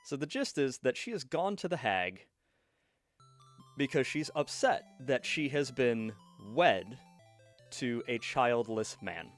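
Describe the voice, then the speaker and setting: A man's voice: medium pitch, very animated, slow pace, faint music behind. A man streaming a game while casually telling a folk tale, joking and often breaking off to react. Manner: joking, distracted, self-interrupting. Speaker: streamer and storyteller. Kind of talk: casual storytelling while gaming.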